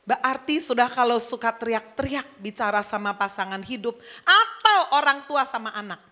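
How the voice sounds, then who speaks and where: A middle-aged woman pastor preaching a lively sermon, now and then slipping English phrases into her talk. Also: on the high side, moderate pace. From Indonesia.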